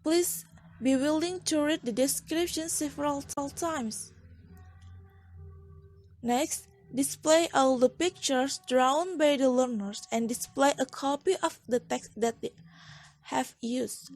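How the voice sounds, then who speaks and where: A young woman with an Indonesian accent, slowly and carefully reading a student class presentation, restarting words now and then. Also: high voice, darkish tone. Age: young adult.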